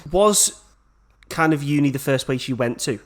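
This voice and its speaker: A man, co-hosting a podcast and asking the guest questions in a relaxed, chatty way. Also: on the high side, moderate pace. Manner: casual, asks interview questions. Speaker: podcast host. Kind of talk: casual chat.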